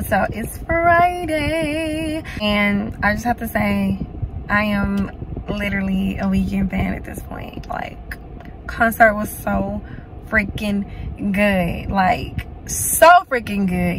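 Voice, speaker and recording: A woman's voice: medium pitch, a bit bright, slight background noise, rough recording. Chatty woman vlogging from her car. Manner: chatty, lots of "like" and "y'all". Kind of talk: casual vlog chat to camera. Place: parked car. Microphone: phone camera at arm's length.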